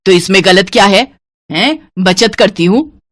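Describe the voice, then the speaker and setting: A woman's voice: mid-range voice, expressive, a little slow, dry recording. Woman voicing a stingy scheming mother-in-law. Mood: scolding. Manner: penny-pinching, scolding, bossy. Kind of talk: cartoon voice acting.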